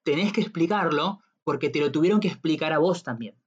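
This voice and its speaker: A man, co-hosting a podcast and explaining his views in a measured way. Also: on the high side, animated, husky. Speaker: podcast co-host. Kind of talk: casual film review chat. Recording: dull lo-fi audio.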